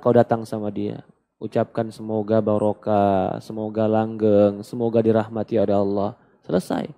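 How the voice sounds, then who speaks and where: A man preacher giving a question-and-answer sermon, animated and emphatic, dropping to soft quoted asides. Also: medium pitch. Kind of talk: sermon, Q&A lecture.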